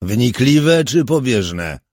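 A man voicing a sharp, driven male police profiler in an audiobook, firing short probing questions. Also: medium pitch, big pitch swings, very slow, no echo, clean studio sound, pitched above the performer's own voice, exaggerated voice. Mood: demanding. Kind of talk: audiobook character voice.

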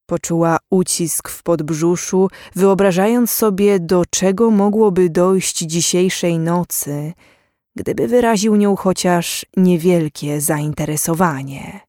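An audiobook narrator reading a novel in a measured, even storytelling voice on a close microphone. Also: medium pitch, dry recording.

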